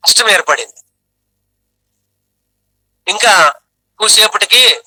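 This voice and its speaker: A man's voice: on the high side, bright, forceful tone, no echo, rough recording. A male pastor preaching a sermon, asking the crowd rhetorical questions and building emphatic repeated phrases.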